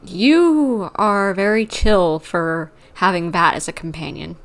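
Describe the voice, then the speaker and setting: A woman's voice: fairly low pitch, slow pace, fairly bright tone. A woman streaming a video game, making laid-back, giggly remarks over it. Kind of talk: let's play commentary.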